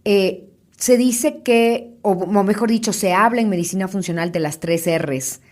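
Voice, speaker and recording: A woman's voice: medium pitch, a little slow. Chatty female interview host. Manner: chatty, lively, talks with fillers and restarts. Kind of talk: conversational interview.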